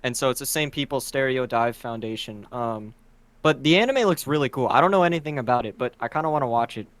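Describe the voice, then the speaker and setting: A man's voice: mid-range voice, fast talker, a bit bright, dry recording. A man co-hosting a podcast in casual chat, rambling and searching for words as he talks. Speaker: podcast co-host.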